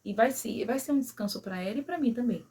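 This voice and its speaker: A woman who tells a personal story to her viewers in an emotional way. She keeps adding "né?" and "sabe assim?" and drops very quiet at the sad parts. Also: on the high side, lively intonation, fast, slightly rough. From São Paulo, Brazil. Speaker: vlogger.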